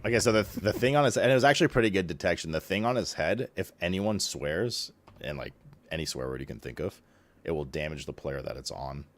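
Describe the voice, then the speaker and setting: A man's voice: low-pitched, animated, fairly quick. A man streaming, chatting casually about a game, swearing freely and laughing often.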